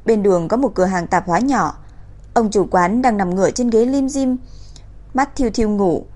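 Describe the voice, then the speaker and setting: A woman reading a crime novel aloud in an even, steady storytelling voice. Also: medium pitch, moderate pace. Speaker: narrator. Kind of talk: audiobook narration.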